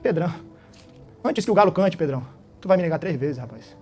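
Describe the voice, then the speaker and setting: A man, preaching a sermon and voicing a gentle, calm Jesus in a soft, low, hushed voice. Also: a little fast, faint music behind.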